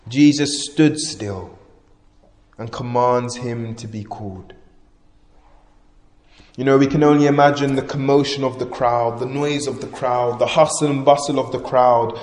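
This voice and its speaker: A man preaching a sermon fervently, rising to loud proclamation and dropping to hushed emphasis. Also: mid-range voice. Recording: echoey hall with long reverb.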